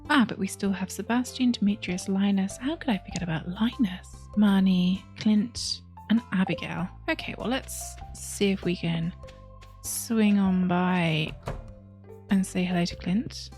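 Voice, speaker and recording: A woman's voice: mid-range voice, unhurried, faint music behind. Chatty woman narrating her gameplay. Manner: chatty, drops into soft whispered asides. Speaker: let's play host. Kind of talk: casual game commentary.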